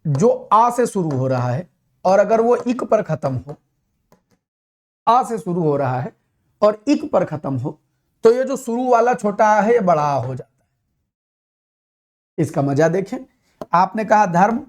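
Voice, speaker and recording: High-voiced, emphatic male Hindi teacher. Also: a little mellow. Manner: emphatic, repeats key words, asks rhetorical questions. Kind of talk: exam-prep lesson.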